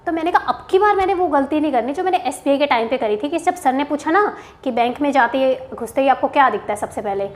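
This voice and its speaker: A young woman from Haryana tells her interview story in a chatty, casual vlog. Her voice sits high, and she keeps slipping English phrases in with quick asides to her viewers. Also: expressive. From Haryana, India. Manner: chatty, mixes Hindi and English, frequent "theek hai" asides. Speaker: bank officer sharing interview experience.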